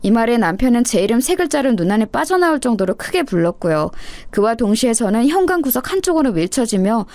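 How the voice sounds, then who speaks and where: A woman's voice: on the high side, big pitch swings, fast, a little mellow, no room sound. A woman narrating a scripted first-person family story in a bitter, aggrieved tone.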